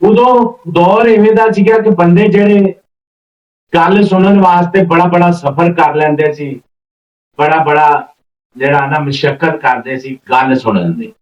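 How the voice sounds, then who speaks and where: Through a roomy, distant and slightly dull mic, a man with a voice on the high side speaks a little slowly. He tells a folk story informally and without hurry, linking events together by repeating phrases.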